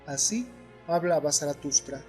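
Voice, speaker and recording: A man reads a philosophical audiobook in the first person, steady and solemn. His voice sits high for a man. A quiet music track runs faintly behind him. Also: moderate pace, slightly rough. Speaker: audiobook narrator.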